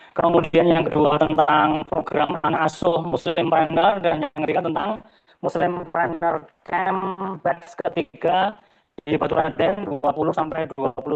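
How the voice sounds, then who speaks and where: A man making polite, formal announcements over a video call whose crackling sound keeps breaking up, often checking if he can be heard. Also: on the high side. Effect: choppy, crackling online call audio. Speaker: organizer giving announcements. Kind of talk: online meeting announcements. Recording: dull, lo-fi call audio breaking up.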